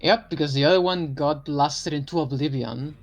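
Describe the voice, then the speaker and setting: A man's voice: on the high side, moderate pace, muffled recording. A man chatting casually as a player in a tabletop role-playing game. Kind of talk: casual gaming chat.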